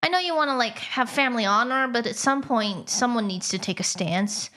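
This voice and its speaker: Woman, podcast co-host, casual chat, slightly high voice, skeptical questions, quick asides. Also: animated, bright, forceful tone.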